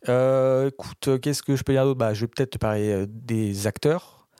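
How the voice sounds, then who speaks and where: A man's voice: mid-range voice, normal speed, warm tone, smooth, no echo, studio quality. A man defending his film pick on a podcast, talking with lots of hesitations and restarts. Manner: hesitant, many fillers and restarts. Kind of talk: casual film podcast chat.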